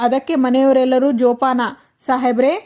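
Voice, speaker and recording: A woman voicing a devoted young wife leaving for training, speaking gently and respectfully. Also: high voice, little pitch movement, moderate pace, lightly acted. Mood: tender farewell.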